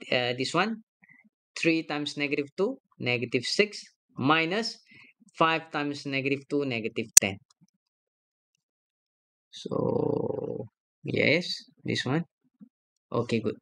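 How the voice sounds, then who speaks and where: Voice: medium pitch, sharp tone. A math lecturer talking through a worked problem step by step on a screen recording, checking each sum aloud. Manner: works aloud step by step, checking their own sums.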